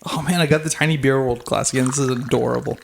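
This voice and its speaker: Gravelly-voiced wisecracking man. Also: medium pitch, fairly even intonation, fast, slight background noise. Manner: wisecracking, laughs at his own jokes. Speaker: band member and podcast co-host. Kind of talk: casual chat over beers.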